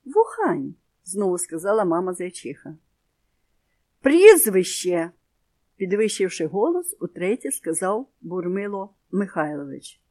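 A woman narrating a children's story aloud in an expressive storytelling manner. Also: on the low side, normal speed.

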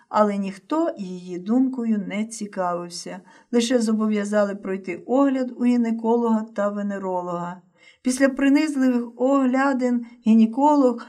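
Female story narrator, emotive measured reading, slightly distant mic. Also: a little high, darkish tone.

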